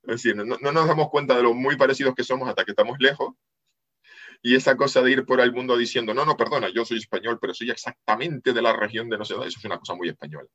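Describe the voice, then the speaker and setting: A geopolitics analyst from the Canary Islands, speaking with a Canarian Spanish accent, chats casually as a podcast guest and repeats words while telling stories. His mid-range voice is fast and a bit bright, with the highs cut off.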